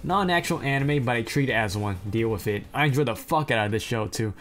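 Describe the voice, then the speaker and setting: A man reads through anime plot summaries at a middle pitch, with faint music under him. He keeps cutting in with blunt, profane, self-deprecating remarks between the synopses. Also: lively intonation, fast talker, a bit bright. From China. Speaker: anime list narrator. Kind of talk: reading anime synopses with casual asides.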